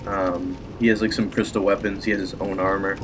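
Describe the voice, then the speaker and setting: Low-pitched and brisk, this man's voice sounds stuffy with a cold as he rambles cheerfully through video game commentary as a let's play host. There's a steady background noise throughout.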